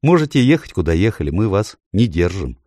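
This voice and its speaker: A man's voice: sits low, big pitch swings, brisk, warm tone, no room sound, clean studio sound. A man voicing a wary, ragged young runaway boy who answers defiantly.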